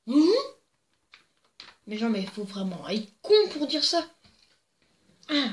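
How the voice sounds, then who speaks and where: Her voice is a little high and expressive, and she takes her time, with a bit of hiss or hum on the recording. The young woman is a joke-telling video host, casually reading jokes to camera with giggles, rambling and crude asides, using a plugged-in desk microphone in an echoey room.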